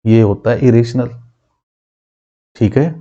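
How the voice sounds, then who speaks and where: Male math teacher, very dark tone, lo-fi audio, quizzes the class and drills terms. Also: mid-range voice, steady tone. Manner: asks students questions and answers them himself; repeats key terms slowly.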